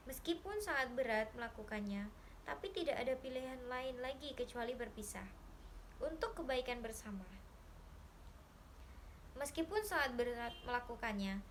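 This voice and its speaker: Young woman, high voice, student reading a short story aloud, careful delivery, occasional slips, faint background noise. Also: a bit bright, poor audio. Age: young adult. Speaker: literature student.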